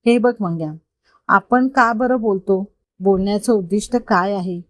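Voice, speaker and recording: Storybook mentor: woman reading a warm-hearted, confident man, gently explaining, mid pitch, dry sound. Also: a little slow, dry recording, natural voice. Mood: kind, coaxing. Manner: patient, gently persuasive explaining. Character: kind, confident grown man mentoring a boy. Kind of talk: storytelling read-aloud.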